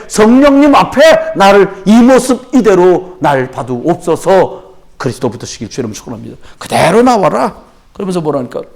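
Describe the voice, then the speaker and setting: Animated Korean pastor preaching a sermon. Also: male voice, high-pitched. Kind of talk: sermon at a prayer meeting. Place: church sanctuary.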